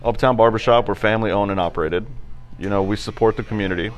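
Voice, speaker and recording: This man in his thirties, who owns the barbershop where he's recorded, talks fast in a relaxed, chatty style full of fillers while answering interview questions casually. His voice is on the low side, with a little hiss or hum in the audio.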